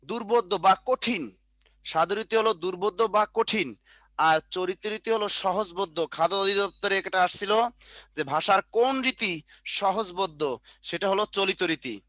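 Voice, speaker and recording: A man's voice: high-pitched, moderate pace, pushed and bright, no echo. A man teaching an online class over a video call, dictating notes, repeating points, with colloquial joking asides. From Bangladesh.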